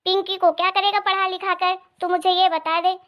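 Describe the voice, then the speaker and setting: A sharp-tongued, scornful grandmother from a cartoon, voiced by a woman, talking in a very high, piercing voice. She nags and belittles everyone around her, and every line carries open contempt. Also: level tone, moderate pace, lo-fi sound. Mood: scolding. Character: scolding grandmother who favors her grandson. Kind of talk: animated cartoon voice acting.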